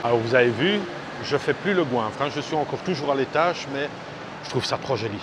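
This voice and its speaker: A man's voice: medium pitch, expressive, fairly quick. A man talking casually as a travel vlogger, chatty and direct, rambling with lots of fillers and restarts. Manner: chatty and direct, addressing viewers. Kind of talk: casual walking vlog talk. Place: outdoors on a busy seaside street. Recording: street and traffic noise behind.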